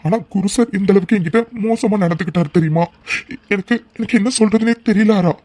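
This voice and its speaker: A man's voice: high-pitched, fast, warm tone, no echo. A man voicing a two-faced young man student in a cartoon serial, boastful and scheming, then falsely pleading. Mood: fake pleading.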